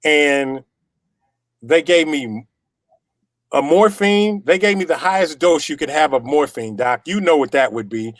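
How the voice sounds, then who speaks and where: A middle-aged man giving an animated personal testimony, repeating himself for effect and acting out the dialogue. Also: a little high, measured pace, dry recording, studio quality. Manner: animated, repetitive storyteller; acts out quoted dialogue. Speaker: testimonial guest. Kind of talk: personal storytelling.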